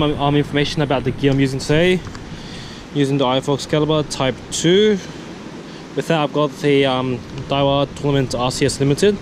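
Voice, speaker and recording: A man's voice: a little high, noisy background. A young man vlogging from a seaside rock ledge with an action camera, talking casually about his catch and his fishing gear with lots of fillers. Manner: relaxed, filler-heavy, says "pretty much" often. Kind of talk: casual outdoor vlog with gear talk. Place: rock ledge by the sea, outdoors. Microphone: head or chest-mounted action camera.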